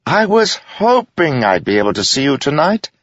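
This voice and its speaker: A male narrator puts on a quick-tongued court jester, pitched high and a bit bright with big, swooping pitch swings, delivering cutting insults with theatrical, mocking relish. The recording is dry and a little dull, without echo or room sound.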